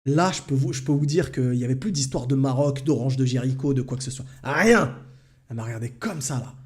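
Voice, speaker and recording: A man hosting a live stream, telling a personal anecdote in an animated way and addressing his audience directly. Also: mid-range voice, a little fast. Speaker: religious talk host.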